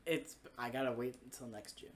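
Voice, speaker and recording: A man's voice: mid-range voice, fairly even intonation, a little fast. A young man co-hosting a casual chat, making dry, sarcastic jokes. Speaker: podcast co-host. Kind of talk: casual chat among friends.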